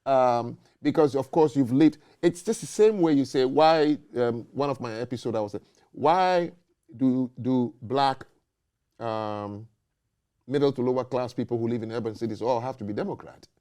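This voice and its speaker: A man's voice: medium pitch, normal speed, dark tone. A man hosting a talk show, making emphatic points and checking in with "okay?" and "you know". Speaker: host. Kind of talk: casual debate talk.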